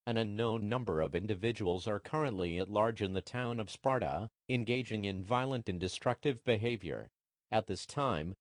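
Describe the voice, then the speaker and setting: A man's voice: on the low side, dry recording, studio quality, natural voice. A man playing an emergency alert system announcer, delivering a formal official warning. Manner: flat, official, deliberate.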